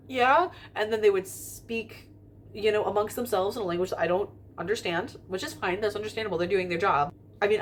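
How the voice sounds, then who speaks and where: A young woman telling a story to the camera in an airport terminal, rambling with lots of fillers and restarts. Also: medium pitch. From United States. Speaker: vlogger. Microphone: camera filming herself in front of a window.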